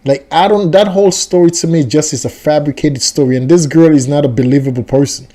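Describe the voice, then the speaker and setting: A man's voice: a little high, brisk, warm tone. A man hosting a reaction video, giving rambling, skeptical commentary. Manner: skeptical, rambling, repeats himself. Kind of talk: casual commentary.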